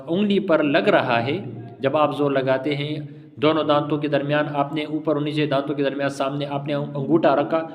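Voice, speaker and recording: A man teaches Quran recitation, slowly drawing out letters and sounds for his students to copy. He speaks patiently and with affection. His voice sits a little high, with a long reverberating tail behind it. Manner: affectionate, encouraging. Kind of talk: tajweed lesson with recited letter drills.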